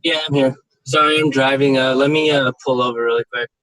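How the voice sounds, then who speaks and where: A man's voice: medium pitch, fairly even intonation, fairly quick, a bit bright, no room sound, rough recording. A man, a pharmacy technician, gives hesitant testimony with many fillers at a remote hearing, calling in from his car. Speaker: pharmacy technician before a licensing board.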